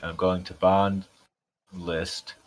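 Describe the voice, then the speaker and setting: A man's voice: low-pitched, little pitch movement, drawn-out words, poor audio. A man with a New England accent, playing a card game and chatting casually, laid-back with dry jokes.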